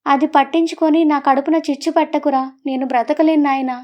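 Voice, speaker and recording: Audiobook mother: middle-aged, tearful and pleading, high voice, read by a woman narrator. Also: steady tone, moderate pace, dull audio, natural voice.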